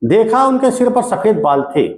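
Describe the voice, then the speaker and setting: Male tutor, high voice, casual story retelling with check-ins, roomy echo. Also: very animated, normal speed. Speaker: teacher. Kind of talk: retelling a textbook story as a lesson. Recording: echoey room.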